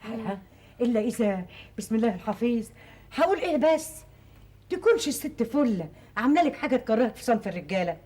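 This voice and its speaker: A woman's voice: on the high side, big pitch swings, fast talker, warm tone. A woman playing a superstitious, doting old nanny in an Egyptian stage comedy, speaking Egyptian Arabic in a folksy, gossipy way.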